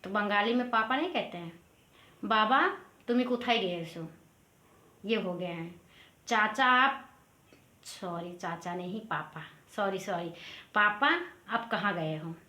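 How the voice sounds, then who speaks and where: A woman from Assam giving a casual spoken language lesson, explaining each phrase and repeating it slowly. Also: mid-range voice, sharp tone. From Assam, India. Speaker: language teacher. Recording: roomy echo.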